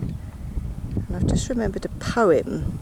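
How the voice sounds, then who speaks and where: Essex-accented vlogger over loud outdoor noise. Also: mid-range voice, expressive, slow pace, vocal fry. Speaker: nature vlog presenter. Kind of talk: casual outdoor nature vlog narration. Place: outdoors on an open countryside hillside. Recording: noisy outdoor recording with ambient noise.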